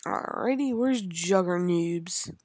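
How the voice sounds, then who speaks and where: A woman's voice: on the low side, takes it slowly, very noisy. A young woman giving rambling, chatty commentary as she plays a video game, talking to herself and her viewers. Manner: chatty and rambling, talks to herself while playing. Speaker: gaming channel host. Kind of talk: casual gameplay commentary.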